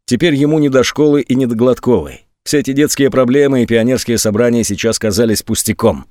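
A man narrating a tense literary audiobook in a measured storytelling voice. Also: medium pitch, a little mellow, dry recording, studio quality.

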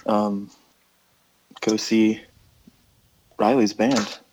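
A man's voice: fairly low pitch, extremely slow. American man rambling on a phone call. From United States. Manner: rambling, relaxed, thinking aloud. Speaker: touring musician. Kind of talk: casual phone interview.

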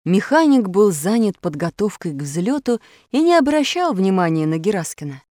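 Expressive woman reading a children's story. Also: medium pitch, normal speed, no echo, clean studio sound. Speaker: narrator.

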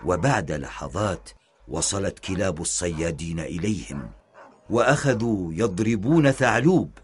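A man narrating a children's story in a measured, expressive storytelling manner. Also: fairly low pitch, breathy edge.

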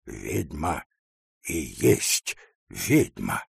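Male reader puts on a scared, grumbling sexton with a husky, slow mutter for a storybook. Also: medium pitch, very animated, dry recording, clean studio sound, heavily acted. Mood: tearful. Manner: hoarse, grumbling, tearful accusing mutter. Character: frightened superstitious village sexton, middle-aged man.

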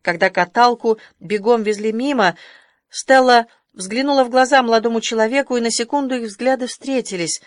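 Female audiobook narrator, measured, expressive reading, close dry mic. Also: a little high, dry recording. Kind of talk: scripted narration.

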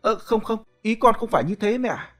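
A man voicing a meek young daughter-in-law who answers in a hurried, stammering, deferential way. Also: fairly high pitch, expressive, fairly bright tone, faint music behind, voice pushed up. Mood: anxious.

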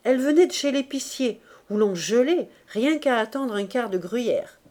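A woman narrating a novel aloud in a measured, even reading. Her voice sits somewhat high for a woman. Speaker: audiobook reader.

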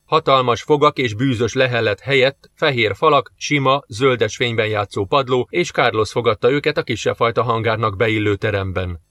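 A man reading an audiobook in an even, measured voice, at a middle pitch. The recording is dry and close on a studio mic, with no room sound. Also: dry recording. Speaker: audiobook narrator. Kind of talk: scripted narration.

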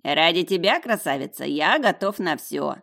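A woman's voice: on the low side, expressive, normal speed, close to an everyday voice. Woman reader doing a cheeky talking dog, young male, boastful, teasing, fantasy audiobook. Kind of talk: audiobook character voice.

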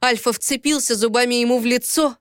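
Woman narrator, expressive first-person audiobook read, smooth clean voice, dry close sound. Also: fairly high pitch, a little fast, no room sound.

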